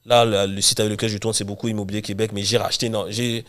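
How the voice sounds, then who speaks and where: A young man from Cameroon, a guest chatting casually in an interview, talking in quick run-on restarts. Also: fairly low pitch, little pitch movement, a bit bright. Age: young adult. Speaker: guest, real estate investor and coach.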